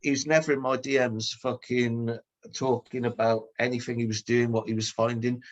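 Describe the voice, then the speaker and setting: A man's voice: medium pitch, flat delivery, normal speed, lo-fi sound. A man talking casually on a podcast, airing a grievance in a blunt, rambling way with heavy swearing.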